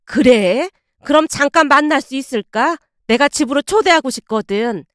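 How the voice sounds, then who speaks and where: A woman voicing a kind older female former teacher who speaks in a gentle, inviting way on the phone. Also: high voice, lively intonation, moderate pace, no room sound, clean studio sound.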